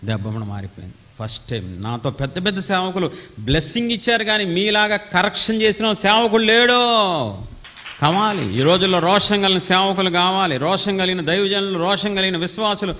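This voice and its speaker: A man in his forties preaches with force and drama, swinging between raised and hushed delivery. His voice rings with long reverb from a meeting hall. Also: high voice, fairly quick. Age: 40s. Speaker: pastor. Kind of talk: sermon.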